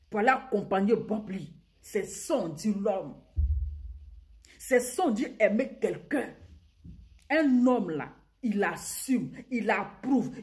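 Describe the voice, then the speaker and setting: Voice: mid-range voice, darkish tone. A commentator, scolding listeners in an impassioned vlog rant and often stammering over repeated words. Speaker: social media commentator.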